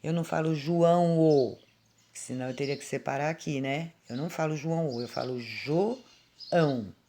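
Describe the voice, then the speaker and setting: A woman teacher with a Brazilian Portuguese accent explaining grammar to children in a slow, patient way, recorded on a phone at home. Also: deep voice, fairly even intonation, darkish tone. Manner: slow, patient and explanatory, calling out words aloud. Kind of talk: remote grammar lesson for children.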